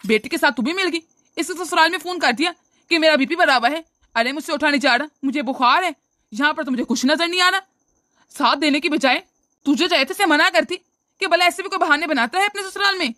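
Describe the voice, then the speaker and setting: Reproachful cartoon dad, woman voicing, high bright voice, dry recording. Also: fast, no room sound. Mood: scolding. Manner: lecturing, reproachful. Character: stern scolding older father-in-law, man. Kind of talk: cartoon voice acting.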